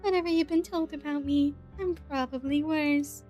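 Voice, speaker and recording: A hard-edged, wary investigator who snaps back bluntly, as a woman puts her on. Her voice sits high and lifted above the narration, with faint music under it. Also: steady tone, normal speed, close to an everyday voice. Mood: guarded. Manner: blunt, sharp retorts. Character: tough, guarded female investigator, wary and blunt.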